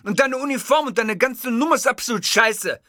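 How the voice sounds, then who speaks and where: A raging, vain male comedian who shrieks his insults in a cracking, very high voice and spits out curses. The voice jumps wildly up and down, bright and loud, recorded completely dry in an audiobook. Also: sing-song, slow pace, breathy edge, dry recording, heavily acted. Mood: furious ranting. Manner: screaming insults, cursing. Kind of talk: audiobook reading.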